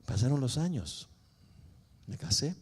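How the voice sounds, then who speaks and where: An older man, a pastor telling a personal story in a sermon with expressive rises and falls. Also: medium pitch, a little slow, husky. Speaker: pastor and family counselor.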